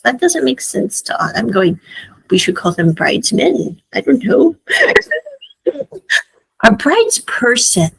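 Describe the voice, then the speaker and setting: A woman talks through a drama series in a loose, casual recap, often laughing and slipping into the characters' lines. Her voice is husky with a gravelly edge and sits a little high. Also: poor audio. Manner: chatty, laughs often, acts out quotes. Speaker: series reviewer.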